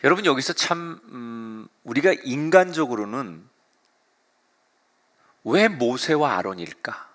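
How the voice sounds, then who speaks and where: A middle-aged male pastor preaching a sermon, retelling the story with lively, dramatic delivery. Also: mid-range voice, slow pace, long pauses.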